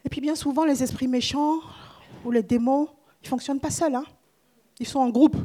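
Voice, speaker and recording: A woman preaching a sermon with Bible reading. She is dramatic, swinging between hushed whispers and loud exclamations, with chatty asides to the congregation. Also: high voice, steady tone, a little fast.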